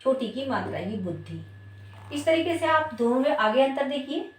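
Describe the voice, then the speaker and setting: A woman's voice: high-pitched, animated, a little fast. A woman teaching a spelling lesson, asking her students questions and then answering them herself. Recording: echoey room, voice from far off.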